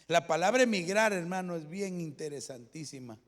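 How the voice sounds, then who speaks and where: A man's voice: fairly high pitch, lively intonation, normal speed, in a large hall. A man preaching a sermon as pastor, talking to the congregation like a brother, asking rhetorical questions and explaining the meaning of Hebrew words. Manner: conversational preaching, addresses "hermano", asks rhetorical questions. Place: church.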